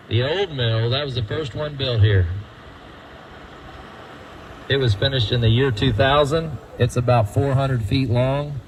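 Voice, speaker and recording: A man's voice: mid-range voice, darkish tone, a little hiss or hum, rough recording. A man guiding a group through a feed mill, folksy and quizzing the crowd. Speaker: tour guide at a feed mill. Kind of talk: guided tour talk to a group.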